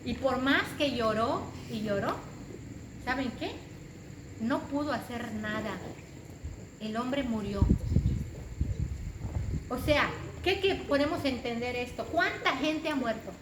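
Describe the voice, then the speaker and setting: A woman's voice: a little high, lively intonation, slow, pauses often. A woman preacher, giving an emphatic sermon and repeating phrases for stress. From Mexico. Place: church hall. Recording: echoey church room with background noise.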